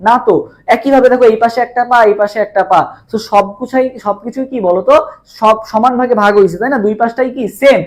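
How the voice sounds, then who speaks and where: Quick guy tutoring live online, fires off questions and answers them himself, repeats stuff over and over. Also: very high voice. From Bangladesh. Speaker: exam-prep tutor.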